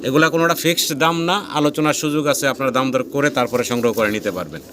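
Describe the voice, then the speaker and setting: A man with a Bangladeshi Bengali accent giving a fast sales tour of a pigeon farm, repeating prices and blessings as he shows each pair. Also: mid-range voice, expressive, fairly bright tone. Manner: rapid patter, repeats prices, frequent blessings. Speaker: pigeon seller channel host. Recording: noisy farm recording with pigeons. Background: pigeons cooing.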